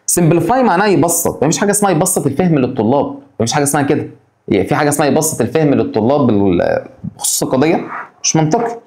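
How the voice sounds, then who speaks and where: A man with an Egyptian Arabic accent teaching an English exam-prep lesson. He keeps putting quick rhetorical questions to his students. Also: on the high side, expressive, a little mellow, reverberant.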